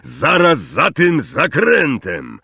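A man's voice: high-pitched, lively intonation, takes it slowly, sharp tone, no room sound, studio quality, recorded from a distance, voice pushed up, exaggerated voice. A man voicing a huge, hearty male half-giant gamekeeper who bellows orders to a crowd of children. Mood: booming, calling out.

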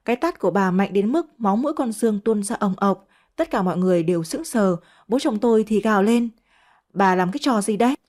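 A woman's voice: medium pitch, lively intonation, fast, a little mellow. A woman reads a first-person family drama story. She voices each character herself and shifts her tone for the quarrels and the crying. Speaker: audiobook narrator.

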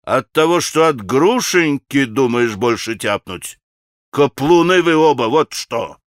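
A man's voice: fairly high pitch, expressive, unhurried, fairly bright tone, no echo, studio quality. Man playing a desperate flustered young man. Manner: pleading, faltering.

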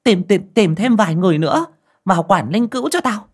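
Guy doing a bossy auntie, high and loud, barks orders, swears. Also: animated, brisk, breathy edge. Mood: bossy, scolding. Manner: scolding, ordering people about, cursing. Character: bossy superstitious older aunt, fearful and scolding.

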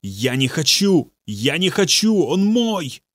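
A man voicing a boastful male demon speaking through a possessed youth, in a slow, low, gloating way. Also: very animated, a bit bright, no echo, studio quality, full character voice. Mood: frenzied.

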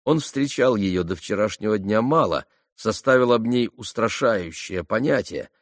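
A man narrating a literary audiobook in a measured, earnest manner. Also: fairly low pitch, lively intonation, dry recording, clean studio sound.

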